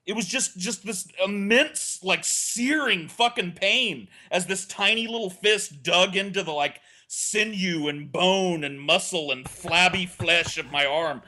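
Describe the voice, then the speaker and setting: The man's voice sits high, and he speaks in an unhurried way with hardly any pauses. On a casual podcast he rambles through a crude comic anecdote, acting out the quotes with animation.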